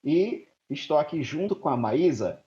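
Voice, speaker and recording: A man's voice: a little high, very animated, moderate pace, dark tone. A man in his thirties from Maranhão, Brazil, hosting a casual group podcast in a playful, talkative way. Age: 30s. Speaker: podcast host. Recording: dull lo-fi recording.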